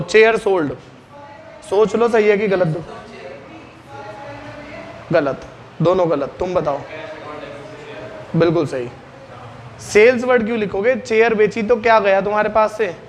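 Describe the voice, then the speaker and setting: Students shout answers aloud as a high-voiced man drills them with fast questions during a classroom lesson.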